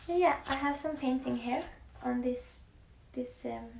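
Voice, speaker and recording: A young Norwegian woman with a Norwegian accent, chatting softly on a livestream while she paints, often slipping into near-whispers. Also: high voice, unhurried, creaky. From Norway. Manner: soft-spoken, often drifting into near-whispers. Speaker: musician live-streaming to fans. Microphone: phone. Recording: echoey room with faint background hiss.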